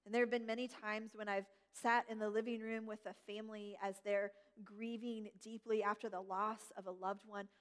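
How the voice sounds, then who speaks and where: A middle-aged woman pastor preaching a sermon, gentle and reflective, slowing down to stress key words. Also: mid-range voice, little pitch movement, clear, resonant tone. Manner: gentle, reflective, slows for emphasis. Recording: long hall reverb.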